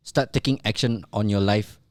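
A man in his thirties hosting a casual podcast chat with friends. He talks in a relaxed, reflective way and often trails off. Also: on the low side, normal speed, no room sound. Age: 30s. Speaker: podcast host.

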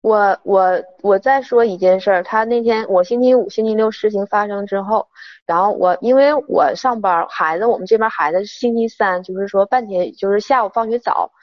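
A frightened woman calling in, talking haltingly with many restarts. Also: mid-range voice, no echo, muffled recording. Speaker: caller.

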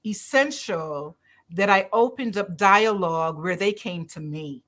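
A doctor from Barbados, middle-aged, is interviewed on a podcast in a conversational style. Her medium-pitched voice has a fairly bright tone and a measured pace, and she speaks earnestly and emphatically, repeating key phrases.

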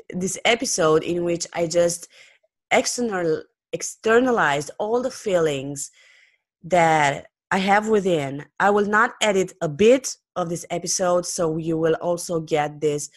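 A woman hosting her own podcast, talking off the cuff in a lively, jokey way with lots of fillers and restarts. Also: lowish voice, takes it slowly, no echo, clean studio sound. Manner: playful, jokey. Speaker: podcast host. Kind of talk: unscripted solo podcast talk.

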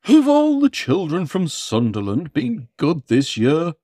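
A man voicing a jolly, booming old Santa Claus in a bedtime story. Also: huge pitch swings, measured pace, mellow, no echo, clean studio sound, exaggerated voice. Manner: booming, hearty.

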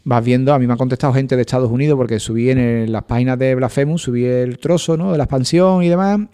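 Fast-talking musician, mellow tone. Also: male voice, medium pitch, clean tone, no room sound. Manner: chatty, rambling, lots of fillers. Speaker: guest musician, cornet player. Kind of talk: casual radio interview.

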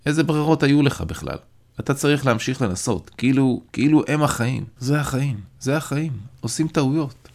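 A man's voice: medium pitch, lively intonation, gravelly, darkish tone, pitched above the performer's own voice. A man voicing a curious, encouraging male friend who teases and laughs easily, in an audiobook. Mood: reassuring. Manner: encouraging, teasing, quick to laugh. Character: warm, curious, joking adult male friend. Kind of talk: audiobook character voice.

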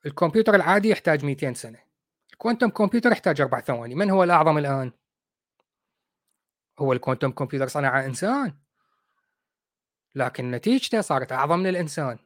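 A man's voice: on the high side, animated, rapid-fire, pauses often, fairly bright tone, no echo, studio quality. A man with an Iraqi accent hosting a livestream, rebutting clips in a sarcastic, mocking way. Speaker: host. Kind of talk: livestream commentary.

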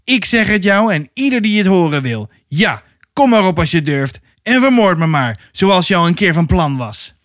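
A man reading aloud, voicing a thin, tired-looking café owner who shouts back scornfully. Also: sits high, sing-song, normal speed, no room sound, clean studio sound, pitched above the performer's own voice. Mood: shouting.

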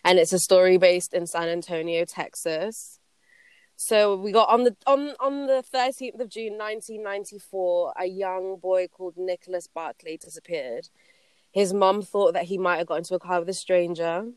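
Woman, lowish smooth voice, dry close sound, casual podcast storytelling. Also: steady tone, normal speed, dry recording. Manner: chatty, laughs often, loses her place. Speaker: podcast co-host.

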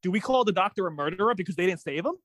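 A man's voice: sits high, rapid-fire, no room sound, low-quality recording. Exasperated man ranting about a TV show. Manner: animated, exasperated ranting with many restarts. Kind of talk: casual TV recap chat.

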